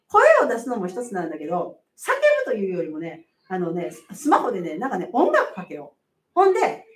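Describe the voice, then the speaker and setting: Lively middle-aged Kansai midwife. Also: female voice, a little high, reverberant, recorded from a distance. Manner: animated, laughing, emphatic storytelling. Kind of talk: casual live-stream advice talk.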